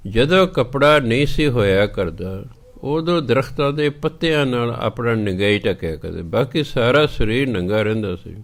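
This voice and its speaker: A man's voice: medium pitch, expressive. A man preaching a scripture exposition, who chants verses and carefully explains their pronunciation and meaning. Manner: slow, deliberate teaching, corrects pronunciation.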